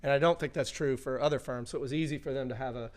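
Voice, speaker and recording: A man's voice: medium pitch, steady tone, very fast, a little mellow. Thoughtful man explaining at length. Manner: thoughtful, explaining with many fillers. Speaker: podcast guest. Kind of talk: casual interview chat.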